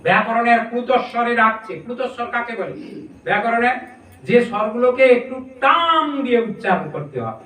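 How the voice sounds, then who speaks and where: High-voiced male preacher, echoey room. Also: lively intonation, a little fast, bright, forceful tone. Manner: explanatory, asks listeners rhetorical questions. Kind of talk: scripture sermon. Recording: echoey room, distant mic, faint noise.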